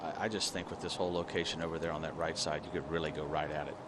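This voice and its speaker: A man's voice: extremely low pitch, level tone, very fast. A man commentating live on golf, following each shot and putt and reacting to how it turns out. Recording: noisy outdoor background.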